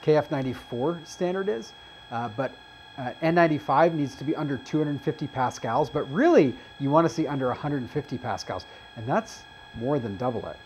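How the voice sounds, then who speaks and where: A man's voice: mid-range voice, animated, fairly quick, a little mellow, a little hiss or hum, rough recording. A man hosting a casual review show, explaining test results as he goes with frequent fillers. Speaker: host reviewing face masks.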